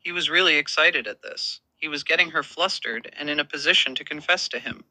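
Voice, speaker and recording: A man reading a romance story as narrator, in an even, steady storytelling manner. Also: a little high, a little fast, dry recording, poor audio.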